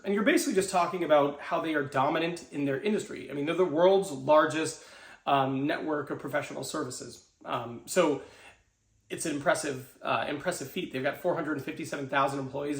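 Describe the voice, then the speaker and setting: Upbeat man coaching in an echoey room. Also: fairly high pitch. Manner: upbeat, conversational, many fillers. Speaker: career coach. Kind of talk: instructional talk to camera.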